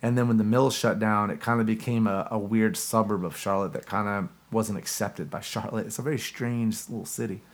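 Male podcast host, rapid and rambling, casual delivery over a video call. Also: fairly low pitch, steady tone. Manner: rambling, loose and chatty. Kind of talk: casual chat.

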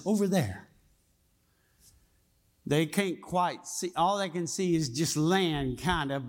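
Male pastor, fairly high voice, slow folksy sermon delivery. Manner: folksy storytelling, asks the congregation questions.

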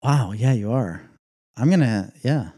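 A man's voice: mid-range voice, lively intonation, a little slow, warm tone, breathy edge. A man in his forties hosting a casual podcast chat, joking and rambling. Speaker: podcast host. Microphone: headset.

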